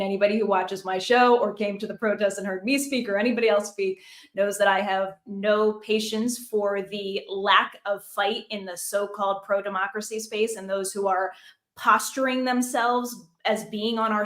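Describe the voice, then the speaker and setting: Woman host, mid pitch, roomy echo, talking with conviction. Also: fairly even intonation, normal speed. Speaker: show host. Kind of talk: political talk show.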